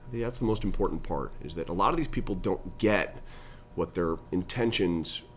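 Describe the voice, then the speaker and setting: A middle-aged man, a guest in an interview, telling animated stories about his nonprofit. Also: normal speed, a little hiss or hum. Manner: animated storyteller, pitch climbs when excited. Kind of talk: conversational interview storytelling.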